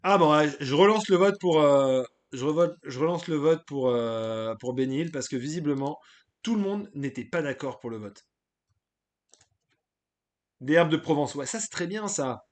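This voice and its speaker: A man's voice: on the high side, lively intonation, normal speed. A man hosting a live stream, chatting casually and loosely, giving his opinions and greeting viewers from the chat, with frequent hesitations.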